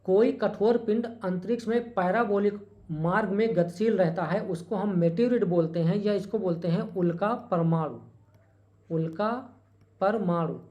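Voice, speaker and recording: Preparing students for an exam, this teacher lectures in a medium-pitched, dark-toned voice, repeating key terms, posing rhetorical questions, and quickly apologizing when correcting small slips. The audio sounds dull.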